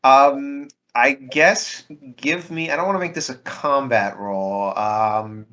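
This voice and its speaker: A man of middle pitch runs a tabletop game as game master. He narrates haltingly, restarting sentences and filling gaps with ums. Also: sharp tone.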